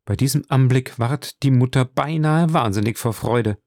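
A man narrating an audiobook in a steady, even storytelling manner. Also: mid-range voice, normal speed, no echo, clean studio sound.

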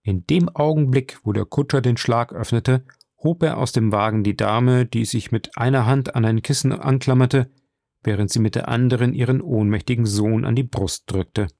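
A man narrating an audiobook in a steady, even storytelling manner. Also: medium pitch, moderate pace, creaky, dry recording, clean studio sound.

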